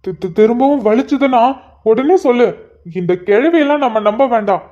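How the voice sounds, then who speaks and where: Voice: mid-range voice, normal speed, darkish tone, dull audio, lightly acted. A young husband in a cartoon, fretful and pleading, who keeps repeating himself. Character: devoted, worried young husband. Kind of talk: cartoon voice acting.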